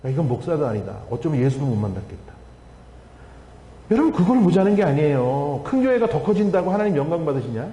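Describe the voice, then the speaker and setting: A man's voice: on the high side, big pitch swings, fast, warm tone. A middle-aged male guest pastor preaching a revival sermon, telling stories with quoted dialogue and rhetorical questions. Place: church sanctuary. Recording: echoey hall sound.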